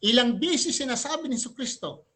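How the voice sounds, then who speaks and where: A man's voice: very high voice, lively intonation, brisk, fairly bright tone. A man arguing his side in a religious debate. He speaks emphatically, switches between two languages and keeps throwing in rhetorical questions. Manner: switches between Tagalog and English mid-sentence. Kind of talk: live religious debate argument.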